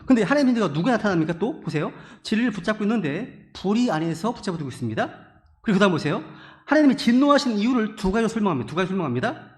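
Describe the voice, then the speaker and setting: A man preaching a sermon as pastor, asking rhetorical questions and moving between quiet and loud passages. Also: high voice. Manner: animated preaching, swinging from hushed to loud exclamations; asks the congregation rhetorical questions.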